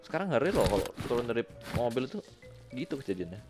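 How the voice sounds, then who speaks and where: A man's voice: medium pitch, very animated, fast. A young Indonesian man chatting casually and jokingly while playing a shooter game, giving viewers friendly advice between the jokes. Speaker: gaming YouTuber. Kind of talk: casual gameplay commentary. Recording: loud game music. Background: game music.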